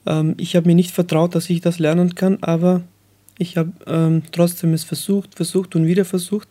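A nineteen-year-old man from Afghanistan, a radio guest, speaking slowly and searching for words with many fillers. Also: sits high, flat delivery, warm tone. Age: young adult. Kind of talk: radio interview.

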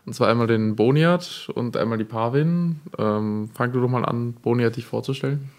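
A man's voice: medium pitch, normal speed, darkish tone. A teenage boy hosting a youth radio discussion, hesitant with many fillers. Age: teens. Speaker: host.

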